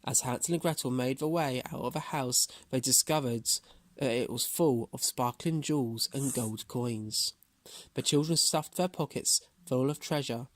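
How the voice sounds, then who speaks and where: A man's voice: mid-range voice, moderate pace, no echo. A man reading a children's storybook aloud as a storyteller.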